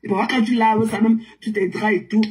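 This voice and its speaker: A woman tells a story during a casual live stream, animated and vivid. She explains things through everyday comparisons and mixes English words into her sentences. Her voice sits at a middle pitch. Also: fairly quick.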